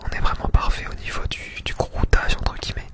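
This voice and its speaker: Man whispering ASMR right in the ear. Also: a little fast. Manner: repeats words and phrases for emphasis. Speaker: ASMR food video host.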